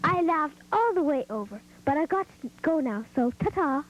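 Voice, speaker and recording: A woman's voice: sits high, lively intonation, moderate pace, highs cut off, heavy background noise. A woman breezily telling a comic story in a chatty, breathless way. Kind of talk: comic monologue.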